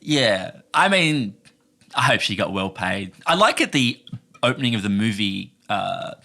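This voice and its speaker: A man co-hosting a movie review podcast, telling stories in a joking, animated way. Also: lowish voice, a little slow, gravelly. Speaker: podcast co-host. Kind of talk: casual movie review chat.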